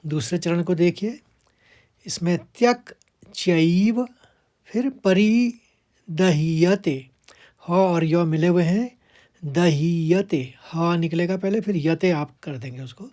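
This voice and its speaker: Female recitation teacher, low-pitched and unhurried; chants lines slowly, patient step-by-step coaching. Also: warm tone. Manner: chants verse lines slowly, then explains in quick asides. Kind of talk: verse recitation lesson.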